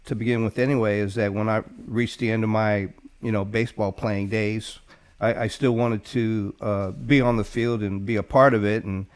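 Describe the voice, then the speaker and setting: An older man co-hosting a casual baseball chat, talking in halting, repeated starts as he explains things earnestly. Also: lowish voice, fairly even intonation. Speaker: co-host, amateur umpire.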